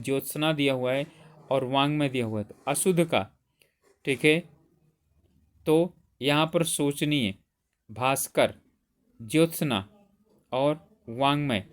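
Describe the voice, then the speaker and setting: Man teaching grammar step by step. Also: fairly high pitch. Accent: Hindi. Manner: explains step by step, asks and answers his own questions. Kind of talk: exam prep lecture.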